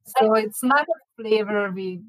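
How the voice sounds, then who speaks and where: A woman's voice: mid-range voice, a little slow, no echo, low-quality recording. A woman from Hungary with a Hungarian accent, chatting casually as a baking class teacher, laughing often and restarting her words. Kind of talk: casual chat.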